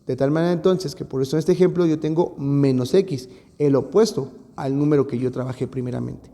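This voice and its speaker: Male math teacher, mellow tone, patient and repetitive explainer; recorded in a hall with long reverb. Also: mid-range voice, brisk. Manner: patient, repeats and stresses key points. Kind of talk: recorded video lesson.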